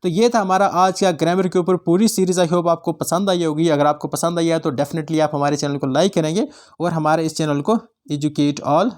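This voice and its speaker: A male teacher giving an exam-prep grammar lesson, explaining slowly, repeating each point and putting questions to his students. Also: a little high, fairly even intonation.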